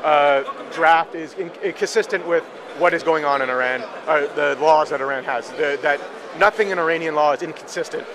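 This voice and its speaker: A man's voice: on the high side, fairly quick, crowd noise. A man interviewing someone with probing, challenging questions, often stammering as he phrases them. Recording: clear outdoor street and vehicle noise.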